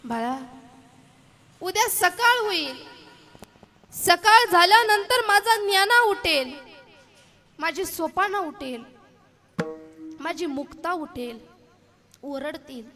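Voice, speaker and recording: A woman voicing a grieving mother who speaks softly and tenderly to her son. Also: extremely high pitch, full character voice. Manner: soft, tearful, tender. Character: grieving mother, gentle and resigned.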